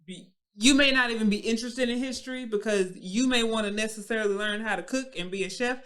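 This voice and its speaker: Woman, 30s, co-host, casual chat, bright tone, animated. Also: a little high, quick pace. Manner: animated, laughs often, slips into playful impressions. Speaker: podcast co-host.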